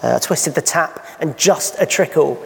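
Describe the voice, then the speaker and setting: A man's voice: a little high, moderate pace, vocal fry. A man preaching a sermon in church, asking rhetorical questions and painting vivid scenes. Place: church hall. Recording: long hall reverb.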